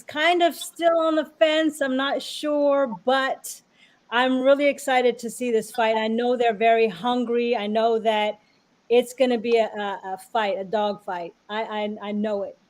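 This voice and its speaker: A woman's voice: a little high, fairly even intonation, unhurried. A woman in casual fight talk, hesitant and repeating her words.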